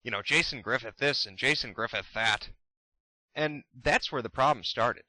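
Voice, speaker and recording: A man's voice: medium pitch, normal speed, pushed and bright, no room sound, poor audio. A man delivering a heated, profane commentary rant with an exasperated tone. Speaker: commentary host. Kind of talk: ranting commentary.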